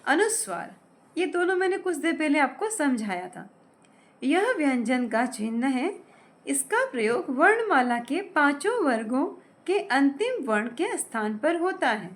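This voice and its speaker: A woman teaching a grammar lesson, spelling words out slowly and carefully, asking questions and answering them herself. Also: high-pitched, big pitch swings. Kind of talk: explaining lesson with examples.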